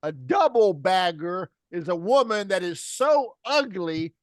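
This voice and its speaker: A man with an American accent chats and tells stories in a jokey teaching manner. His voice is high for a man and sounds dry, with little room. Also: big pitch swings, a little slow, no room sound. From United States. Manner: jokey, explains slang. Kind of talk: casual storytelling.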